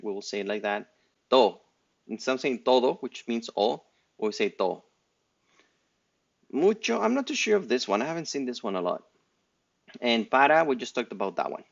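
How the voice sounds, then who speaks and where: A man's voice: fairly low pitch, creaky, a bit bright, dull audio. A man from Mexico with a Mexican accent, giving a loose, unscripted Spanish lesson with many restarts and fillers. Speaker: Spanish teacher. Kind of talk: casual spoken language lesson.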